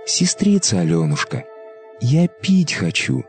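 A man's voice: medium pitch, huge pitch swings, slow, creaky, a little mellow, soft background music, voice pushed up, heavily acted. A man voicing a pleading little fairy-tale boy who becomes a baby goat, calling out in a plaintive singsong. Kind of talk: fairy-tale character acting.

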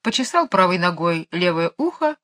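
Woman narrator, storybook reading, expressive. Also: fairly low pitch, normal speed.

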